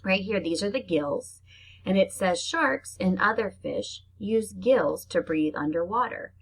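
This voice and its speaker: An elementary teacher with a husky, mid-range voice reads animatedly to her pupils on a low-quality recording. She explains things simply for children, alternating slow, deliberate reading with chatty asides in this read-aloud lesson.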